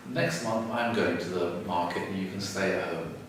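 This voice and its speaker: A man's voice: deep voice, normal speed, slight background noise, natural voice. A man voicing an irritable, bossy father who makes idols. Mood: exasperated. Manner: exasperated, bossy. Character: irritable father, a gruff idol maker. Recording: roomy echo, far from mic.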